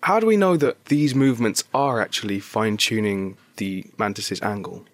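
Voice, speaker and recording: A man's voice: lowish voice, moderate pace, dry recording. A man working as a science reporter, putting prepared questions to a guest in an interview.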